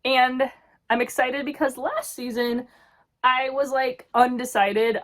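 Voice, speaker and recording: A woman's voice: high-pitched, fairly even intonation, takes it slowly, a bit bright. A woman in her thirties from New York, chatting casually about her picks with a nasal, stuffy voice from a head cold. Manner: chatty, rambling with many likes. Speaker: YouTube vlogger. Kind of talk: casual chat.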